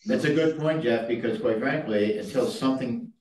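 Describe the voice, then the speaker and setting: A man's voice: mid-range voice, normal speed, a little mellow, a little hiss or hum. A man on a board committee, explaining points matter-of-factly in a meeting room. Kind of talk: meeting discussion. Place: conference room. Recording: very echoey room, distant mic.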